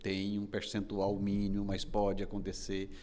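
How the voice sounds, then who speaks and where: A man's voice: fairly low pitch, monotone, moderate pace, mellow. A man hosting a conversational podcast interview, chiming in briefly to agree and round off his guest's points. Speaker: podcast host.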